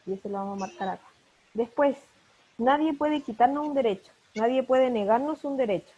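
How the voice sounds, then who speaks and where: A woman's voice: sits high, a little fast, warm tone, breathy edge, dull audio. A woman teacher, patiently explaining each word step by step in an online class over a video call. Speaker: primary school teacher.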